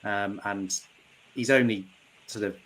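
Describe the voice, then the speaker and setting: A man's voice: fairly low pitch, steady tone, a little slow, a bit bright, low-quality recording. A British man on a podcast panel, casually and methodically talking through his reasoning. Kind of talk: casual discussion.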